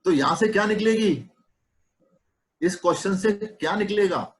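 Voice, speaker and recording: A man's voice: high-pitched, measured pace, poor audio. A man teaching homeopathy to students in a webinar, talking conversationally and firing off rhetorical questions. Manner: conversational, fires rhetorical questions, acts out dialogues.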